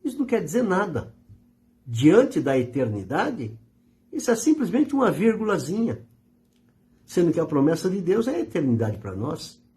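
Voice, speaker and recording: A male pastor delivers a sermon, his pitch climbing and falling in wide, animated sweeps. His voice is dark and mellow, and he preaches with earnest emphasis and slow pauses for effect.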